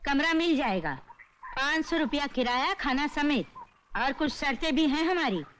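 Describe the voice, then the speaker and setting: A woman's voice: high-pitched, lively intonation, moderate pace, a bit bright, a little hiss or hum. A stern middle-aged village landlady. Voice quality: bossy, matter-of-fact. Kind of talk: dubbed film dialogue.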